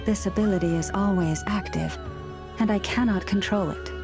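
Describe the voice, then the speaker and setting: A woman playing a gentle, composed young woman in a video game, with measured, articulate and gently wry delivery. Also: mid-range voice, music in the background, natural voice. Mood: reflective, resigned. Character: gentle, composed young woman who understands animal speech.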